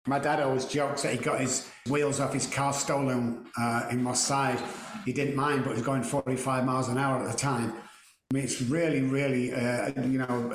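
A Mancunian man from England, a podcast guest, tells stories in a casual interview, chatty, joking and self-deprecating, in an echoey room. His voice is medium pitch with a little hiss or hum on the recording.

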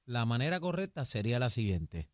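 A man's voice: mid-range voice, big pitch swings, fairly quick, no echo. Insistent man on dry radio mic. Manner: insistent, repeats himself to hold the floor. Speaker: radio co-host. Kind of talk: lively radio banter. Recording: dry studio with faint music.

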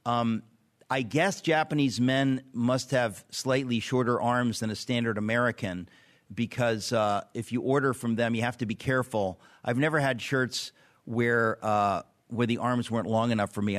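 A man's voice: medium pitch, fairly even intonation, moderate pace, dry recording, studio quality. A man speaking as a talk radio host.

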